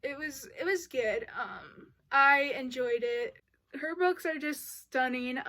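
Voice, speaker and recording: A young woman talks through her favorite books in a relaxed, unhurried way. Her voice sits high, and she gushes with plenty of filler words. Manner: gushing, uses y'all and like often. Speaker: book vlogger. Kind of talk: casual book review chat.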